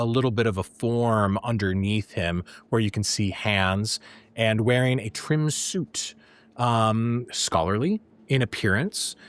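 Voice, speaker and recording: A man narrating a tabletop game as game master, improvising in halting, searching descriptions. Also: mid-range voice.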